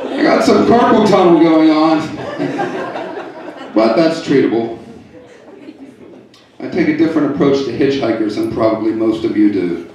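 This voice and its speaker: Heard at a distance in an echoey hotel comedy club, a medium-pitched man from around Pittsburgh does a stand-up set of deadpan punchlines and quick asides.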